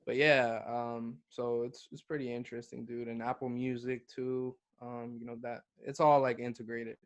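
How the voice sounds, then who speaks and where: A man's voice: mid-range voice, flat delivery, moderate pace. A young man from Guatemala, a hip-hop artist, talking casually as a podcast guest, swearing freely and calling the host bro. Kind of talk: casual interview chat.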